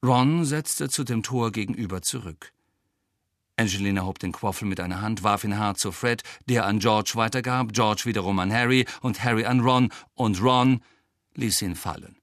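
A man reading a novel aloud as an audiobook narrator, with expressive storytelling. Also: on the low side, normal speed, no echo, studio quality. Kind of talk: scripted narration.

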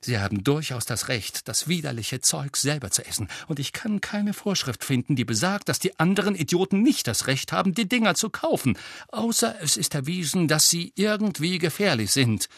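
Hermine, a man voicing a sharp teenage witch. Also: fairly low pitch, level tone, no room sound, clean studio sound. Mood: exasperated. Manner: sharp, indignant, quick when upset. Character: clever bossy teenage witch girl.

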